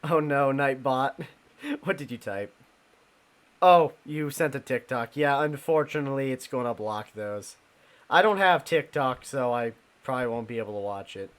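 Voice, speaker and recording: A young man streaming a ghost-hunting game live, chatting casually with his viewers and laughing easily. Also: medium pitch. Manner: chatty, talks to chat, quick laughs.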